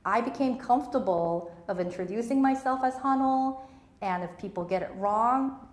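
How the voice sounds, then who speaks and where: Here the same kind of speaker, a young woman born in Korea and brought up in Malaysia and Singapore, pushes her motivational message hard and repeats the phrases that matter. Her pitch is slightly high, her pace moderate, and the space is reverberant.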